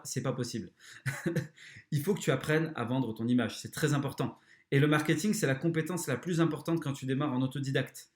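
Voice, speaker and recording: Brief: male podcast host, slightly high voice, blunt and crude motivational talk, echoey room. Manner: blunt, crude, talks straight to the listener. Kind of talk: motivational self-help talk.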